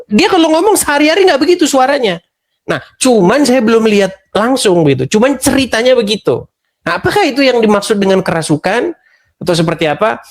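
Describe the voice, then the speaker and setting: Measured skeptical man. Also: very high voice, big pitch swings. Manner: measured, skeptical, repeats himself for emphasis. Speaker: host. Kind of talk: conversational interview.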